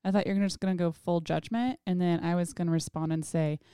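Woman in her 30s cohosting a chat show, kinda low smooth voice, blunt and jokey. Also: fairly even intonation, fast, warm tone, no room sound, studio quality. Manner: laughing, bantering, blunt and profane. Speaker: podcast co-host. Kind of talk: casual chat.

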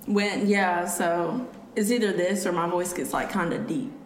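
A woman's voice: lowish voice, fairly even intonation, a little slow. A young woman from South Carolina chatting casually among friends. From Anderson, South Carolina. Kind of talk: casual group chat. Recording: echoey room, faint background noise.

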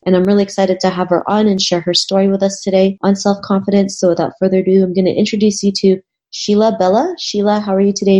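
A woman's voice: mid-range voice, warm tone. A woman hosting an interview podcast, who keeps thanking and affirming her guest. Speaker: podcast host.

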